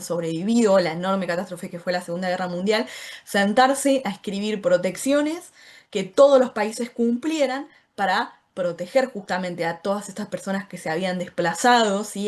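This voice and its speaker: A woman with an Argentine Spanish accent teaching an online course, explaining step by step and checking in with the class as she goes. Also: medium pitch. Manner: explanatory, often asks "¿sí?" to check in.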